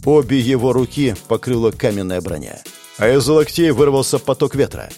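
A man's voice: mid-range voice, expressive, moderate pace, dark tone, soft background music. A man giving dramatic, intense narration of a combat fantasy audiobook. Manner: intense, gritty storytelling.

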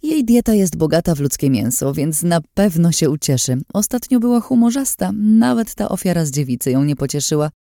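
A woman's voice: lowish voice, lively intonation, fairly quick, few pauses, mellow, no room sound, clean studio sound, pitched above the performer's own voice. A woman voicing a cruel, scheming woman who taunts her captives in a sweetly menacing, sing-song way. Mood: mocking.

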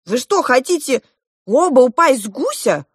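A self-assured storybook girl who scolds and bosses her quarrelling friends, as the woman reading puts her on. Her voice rides high and animated, with a commanding snap. The recording is dry and close. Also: moderate pace, breathy edge, no room sound, exaggerated voice. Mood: bossy. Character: eleven-year-old girl heroine, bossy and self-assured.

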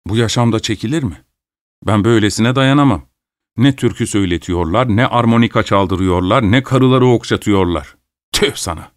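A man's voice: on the low side, moderate pace, dry recording, studio quality, natural voice. A man voicing a grumbling male shoemaker, fed up with his new life, in a storybook reading.

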